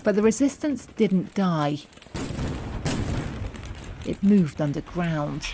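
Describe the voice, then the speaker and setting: A woman's voice: lowish voice, animated, slow pace, background noise. A woman narrating a scripted news report as a correspondent.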